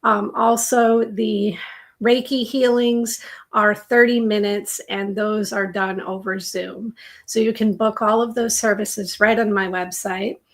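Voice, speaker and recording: A woman's voice: medium pitch, steady tone, slow pace. A woman tarot reader talking casually on a live stream, with her voice slightly giving out.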